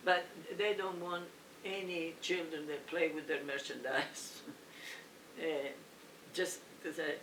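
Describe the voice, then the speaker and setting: Older Italian-accented woman, slow and roomy. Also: low voice. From Italy. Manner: animated, laughing, halting with restarts. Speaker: family storyteller. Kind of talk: casual family chat. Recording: roomy, distant, faint noise.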